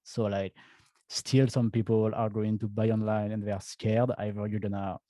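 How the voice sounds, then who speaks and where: A man's voice: fairly low pitch, level tone, moderate pace, mellow, dry recording. A man with a French accent giving a casual presentation as an e-commerce founder, chatty, with frequent restarts and stammered repeats.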